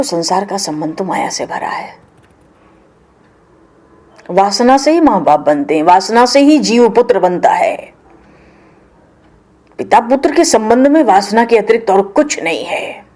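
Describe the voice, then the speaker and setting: A woman giving a devotional scripture storytelling discourse, moving between hushed asides and raised emphasis. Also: medium pitch, expressive, slow pace, pauses often.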